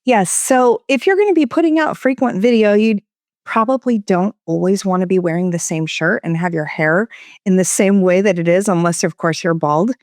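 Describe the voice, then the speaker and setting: Speaking at a moderate pace, a female guest expert discusses her work in a conversational interview, shifting her pitch and speed expressively to keep listeners engaged. She has a clear, smooth voice. The studio microphone gives a close, dry recording free of room echo.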